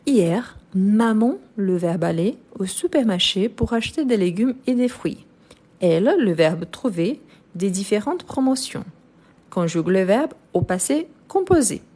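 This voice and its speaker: A woman with French and Brazilian roots teaching French grammar in a live online lesson, speaking slowly and deliberately with frequent fillers and restarts. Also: mid-range voice, lively intonation, mellow. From France and Brazil. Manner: slow, deliberate, explanatory with many fillers.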